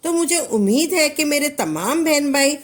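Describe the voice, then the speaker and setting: A woman giving spoken religious instruction, explaining a devotional practice step by step and reciting Arabic verses in a calm, repetitive way. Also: sits high, normal speed.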